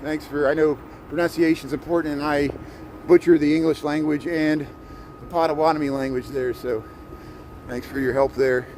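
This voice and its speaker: Out on snowy city streets, this middle-aged Indiana man hosts a live walking tour, casually chatting with viewers and repeating words often. His accent mixes Chicago and Midwestern; his voice is a little high, fairly even, moderately paced and slightly mellow, in a low-quality recording with traffic and street noise.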